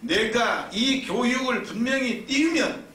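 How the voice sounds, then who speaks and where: Stern old village magistrate, a preacher doing the voice, low and hushed, bright tone, roomy and distant. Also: male voice, a little slow, heavily acted.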